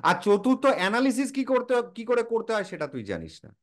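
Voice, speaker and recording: A man talks informally to a close friend, explaining a subject at length. His voice sits high and swings widely in pitch. He keeps asking rhetorical questions and then answering them himself. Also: sing-song, fast. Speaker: explainer in a casual chat. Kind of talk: casual explanatory chat.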